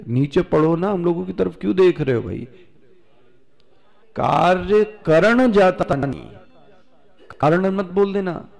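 An Indian swami with a fairly high, darkish voice touched by vocal fry gives a scripture discourse to his listeners. He poses rhetorical questions and answers them himself, addressing the audience directly like a teacher and reciting Sanskrit verses in a slow, drawn-out way.

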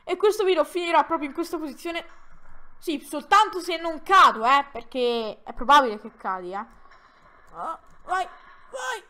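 Excitable high-voiced woman gaming commentator. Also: normal speed. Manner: excitable, dramatic exclamations; talks straight to viewers. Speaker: gaming YouTuber. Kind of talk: Minecraft let's-play commentary.

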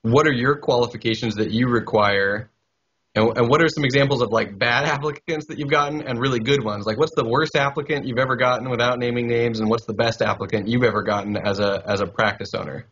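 A man's voice: medium pitch, a little fast, a bit bright, husky. A man in his thirties hosting a podcast interview, asking easygoing questions over a headset mic on a video call. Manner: easygoing, affirming listener. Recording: dull, lo-fi call audio.

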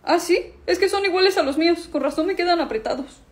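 A woman's voice: very high-pitched, fast. A woman voicing a lazy teenage brother who pleads and makes excuses. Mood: whiny. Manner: whiny, pleading, sheepish.

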